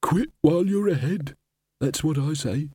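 A man's voice: a little high, expressive, normal speed, darkish tone, breathy edge, no room sound, studio quality, voice pushed up. A man voicing a world-weary, sardonic talking skull in a storybook reading.

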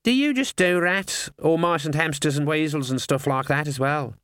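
A man voicing a chatty, excitable male raven that squawks and gossips in a storybook reading. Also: fairly high pitch, moderate pace, smooth, no room sound, pitched above the performer's own voice, close to an everyday voice. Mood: gossipy.

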